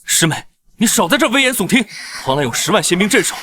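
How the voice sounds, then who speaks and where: Brief: a self-righteous senior disciple, high and lively, reproachful. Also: male voice, quick pace, full character voice. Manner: reproachful, warning. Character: loyal young male senior disciple, rash, self-righteous. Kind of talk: dubbed costume drama acting.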